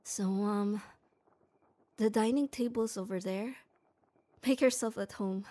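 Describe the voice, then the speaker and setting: In a warm mid-range voice, a young woman speaks slowly and close to the mic, addressing the listener in an ASMR roleplay. She plays a shy tomboy who is gruff but kind, with hesitant, stammering speech.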